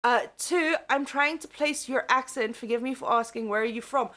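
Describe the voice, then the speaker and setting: Chatting and giggling with her viewers, a tired young livestreamer from South Africa uses a mixed South African accent and swears freely. Her voice is a little high and sharp in tone, at normal speed.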